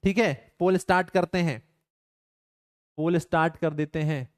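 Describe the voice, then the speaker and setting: A young man with a fairly high, fairly even voice teaches physics in a live online class at a moderate pace. He works through problems while playfully scolding his students in stern banter. The recording is dry and studio quality.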